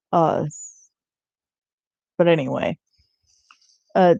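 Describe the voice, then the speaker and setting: Young woman vlogger, unhurried meandering talk, slightly low voice, casual cursing. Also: darkish tone, no room sound. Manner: rambling with many ums and restarts, casual swearing. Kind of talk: rambling casual chat about shows.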